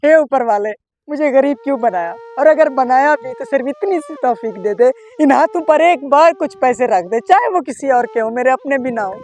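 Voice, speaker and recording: A man's voice: very high-pitched, animated, normal speed, a little mellow. A man playing a pleading, scheming street beggar in a comedy skit. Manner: whining, pleading, then brazen.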